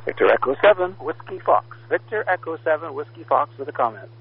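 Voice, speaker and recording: A man's voice: a little high, big pitch swings, a little fast, slightly rough. A man radio operator giving a call sign in military-style phonetic alphabet over a crackly two-way radio. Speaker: ham radio operator checking in. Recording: dull lo-fi radio transmission.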